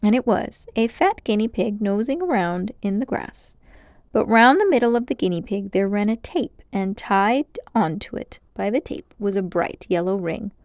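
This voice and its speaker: A woman narrates a children's story in an expressive storytelling style, speaking at a moderate pace in a mid-range voice. The recording is dry, with clean studio sound.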